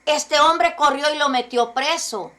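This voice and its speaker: A woman's voice: sits high, unhurried, a bit bright. A woman preaching a sermon, emphatic and asking many rhetorical questions.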